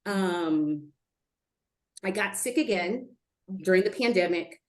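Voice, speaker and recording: Lively middle-aged woman telling stories. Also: fairly low pitch, slow pace. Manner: lively storyteller, animated quoting of others, laughs easily. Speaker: guest speaker. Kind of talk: casual interview on a video call.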